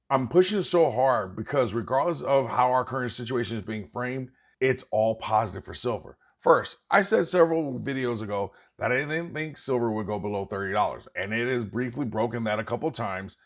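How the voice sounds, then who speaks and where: A man hosting an investing channel, talking straight to his viewers in an emphatic, urging way and repeating points for stress. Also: mid-range voice. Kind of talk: scripted direct-to-camera commentary.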